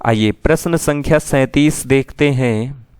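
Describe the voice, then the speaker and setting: A man's voice: mid-range voice, a little slow, darkish tone, smooth, dry recording, clean studio sound. A man teaching an exam-prep lesson who asks his students questions and then answers them himself.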